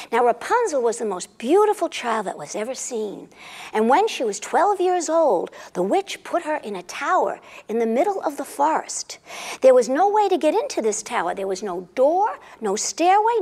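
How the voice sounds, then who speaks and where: A woman telling a comic fairy tale to a live audience, playful and animated, stopping to quiz her listeners. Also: sits high, creaky. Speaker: storyteller. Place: rehearsal and recording studio with a live audience.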